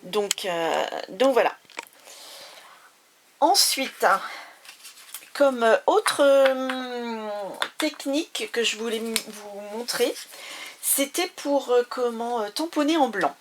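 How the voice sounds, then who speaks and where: Chatty woman with a higher voice. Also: takes it slowly, slight background noise. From France. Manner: hesitant, many fillers and restarts. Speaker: papercraft demonstrator. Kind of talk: casual craft tutorial.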